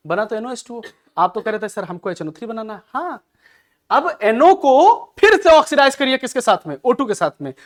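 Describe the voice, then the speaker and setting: A man's voice: very high-pitched, fairly bright tone. A male chemistry teacher giving an exam-prep lecture. He keeps asking rhetorical questions and answering them himself, and calls his students "beta". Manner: addresses students affectionately as "beta".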